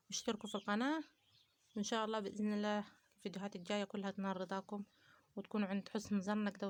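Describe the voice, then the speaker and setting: A woman from Upper Egypt, speaking with an Upper Egyptian Arabic accent in a mid-range voice, hosts a casual home vlog on a poultry-keeping channel. She addresses viewers directly, offering advice and sprinkling in many pious phrases.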